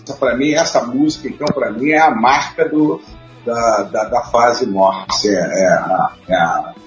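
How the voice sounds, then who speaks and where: A man in casual conversation, talking in bursts of excited storytelling and laughing between memories. His voice carries a roomy echo, the sound is a little muffled, and faint music plays underneath. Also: medium pitch, unhurried. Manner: animated storyteller, laughs often. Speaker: guest. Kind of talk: casual chat.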